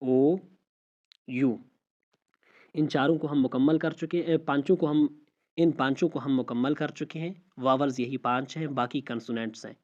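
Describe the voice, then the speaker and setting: A man's voice: mid-range voice, fairly even intonation, darkish tone. Male teacher, patient, drills example words, muffled lo-fi recording. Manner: slow, repeats example words one by one. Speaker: English teacher. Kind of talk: spoken language lesson. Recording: slightly dull lo-fi audio.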